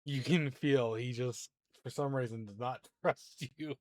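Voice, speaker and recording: A man's voice: medium pitch, a little slow, dry recording. Laughing game master man, dry sound. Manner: laughing, amused by the players. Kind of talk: narrating a tabletop game.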